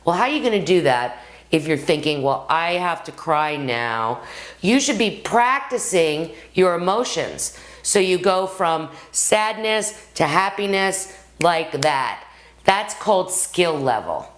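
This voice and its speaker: A middle-aged woman with a low voice coaches actors straight to the camera. Her pitch rises and falls widely as she talks. She calls her viewers "guys" and acts out stories from her own life to make her points. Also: a little slow. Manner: lively, addresses viewers as "guys", acts out anecdotes. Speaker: acting coach. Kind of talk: direct-to-camera acting lesson.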